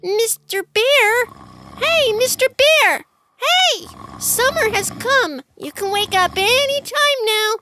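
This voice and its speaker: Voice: extremely high pitch, very animated, slow pace, gravelly, very noisy, heavily acted. A voice actor playing a small, timid male mouse who talks hesitantly in a children's storybook. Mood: pleading. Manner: hesitant, stammering politeness.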